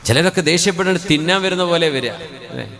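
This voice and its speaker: A man delivers a religious sermon into a microphone. His voice sits a little high, and his tone is conversational, full of rhetorical questions. Now and then he slows down into a melodic chant of Arabic phrases. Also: gravelly, fairly bright tone. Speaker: Islamic preacher.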